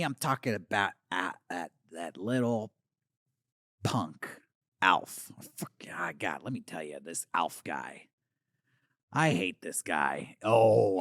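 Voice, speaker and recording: A man's voice: on the high side, gravelly, dry recording, studio quality, heavily acted. A man voicing a washed-up male alien star from the eighties who rambles and slurs, swinging between boasting and muttering, in a comedic monologue. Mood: bitter. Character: washed-up male 80s alien puppet star, boozy and bitter. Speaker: talk show host character.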